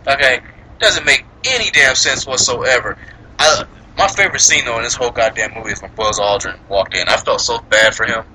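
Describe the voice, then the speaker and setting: A man tears into a movie in casual, profane chat, his bright, sharp voice swinging up and down as he laughs and mimics the characters. A faint hum of noise sits behind him. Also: medium pitch, poor audio. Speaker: movie reviewer.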